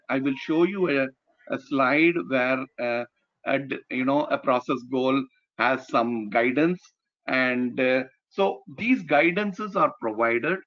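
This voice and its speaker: A man explaining slides as a trainer, haltingly, with frequent "you know" and "right?" tags. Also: on the high side. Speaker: presenter, trainer. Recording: dull, lo-fi online audio.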